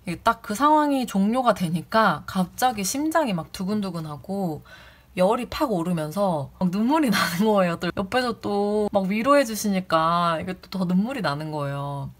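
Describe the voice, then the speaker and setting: A woman's voice: medium pitch, expressive, moderate pace. A woman who used to work as a community office clerk tells a story about a rude visitor in a casual way. She sounds indignant and acts out the people she quotes in raised voices.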